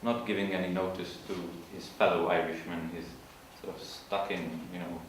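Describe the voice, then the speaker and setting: A man giving an informal literature presentation, explaining in a halting way and searching for his words. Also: deep voice, little pitch movement. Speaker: student presenter. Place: large room at an evening school event. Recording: echoey hall from far off, faint noise.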